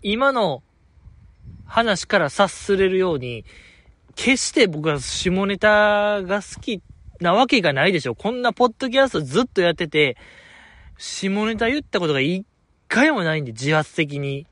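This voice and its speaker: A young man with a Kansai accent from Osaka hosts a solo podcast in a high, light voice. He tells stories in an animated, self-deprecating way, recorded dry and close with no room sound. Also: normal speed, dry recording. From Osaka, Japan. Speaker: podcast host. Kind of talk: casual solo podcast talk.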